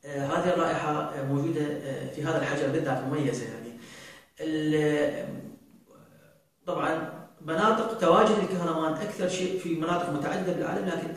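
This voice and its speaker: A man talks through viewer questions, pausing often on long drawn-out fillers. His voice sits a little high for a man and sounds set back from the microphone in a very reverberant room. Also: steady tone. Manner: hesitant, many drawn-out fillers and restarts. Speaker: astrologer answering viewer questions. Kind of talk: casual talk show monologue. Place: indoor studio set at a desk. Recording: very roomy, from far off the mic.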